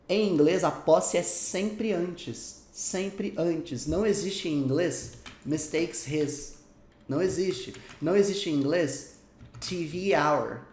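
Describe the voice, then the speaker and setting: Animated male English teacher, echoey room. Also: fairly high pitch. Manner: animated, stretches out example words slowly. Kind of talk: explanatory language lesson.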